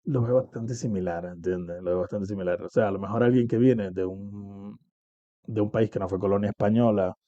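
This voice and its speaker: A man's voice: fairly low pitch, steady tone, moderate pace, mellow, dry recording, highs cut off. A man from Cuba, talking casually and reflectively as an interview guest, often checking in with "¿entiendes?". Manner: reflective, uses many fillers and "¿entiendes?".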